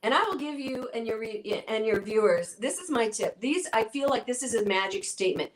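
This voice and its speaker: Higher-voiced woman acting out inner dialogue. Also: expressive, fairly quick, rough recording. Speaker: guest, spiritual healer and coach. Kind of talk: conversational interview.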